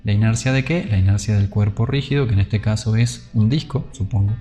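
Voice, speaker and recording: Mellow-voiced man lecturing on physics. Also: fairly low pitch, a little fast, faint music behind. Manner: conversational, thinks aloud, checks in with "¿no?" and "¿sí?". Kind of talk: informal whiteboard lecture.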